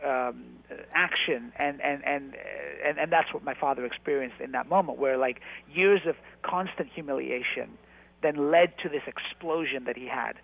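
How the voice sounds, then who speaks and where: Man on a tinny radio line. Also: fairly high pitch. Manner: halting, many restarts and fillers, animated when telling stories. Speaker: radio interview guest, actor and writer. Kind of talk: casual conversational interview.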